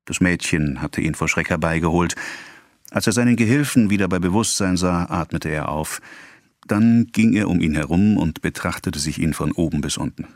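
Deep-voiced male audiobook narrator. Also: no room sound, clean studio sound. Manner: even, measured reading.

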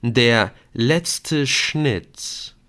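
A man's voice: medium pitch, extremely slow, bright, forceful tone, clean tone. A male audiobook reader voicing a playful, theatrical adult man who loves riddles and teases with mock drama. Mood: theatrical, explaining. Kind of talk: audiobook character voice.

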